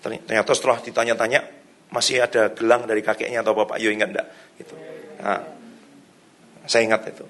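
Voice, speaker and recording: A man's voice: on the low side, flat delivery, quick pace, long pauses, a bit bright, slight background noise. A middle-aged man, a pastor preaching a sermon, telling stories in a loose conversational way and laughing often. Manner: conversational storytelling, laughs often, javanese-flavoured casual indonesian. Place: church hall.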